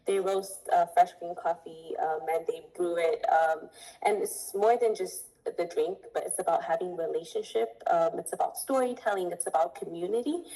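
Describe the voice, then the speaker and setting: A young adult woman from Ethiopia, a coffee importer speaking earnestly as an interview guest, with many pauses to think. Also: on the low side, dark tone, poor audio. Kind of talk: interview conversation.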